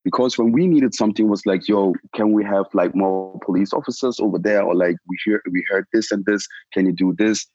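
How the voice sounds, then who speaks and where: Low-voiced Ghanaian-born man, slangy and relaxed. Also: brisk, few pauses, no room sound, lo-fi sound, faint music behind. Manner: relaxed, slangy, many "like" and "yo" fillers. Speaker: protest organizer. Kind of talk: casual interview answers.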